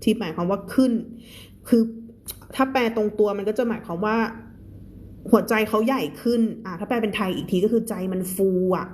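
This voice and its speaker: A woman teacher on a live stream, reading English aloud slowly word by word and then explaining in quick, chatty Thai. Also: medium pitch, darkish tone.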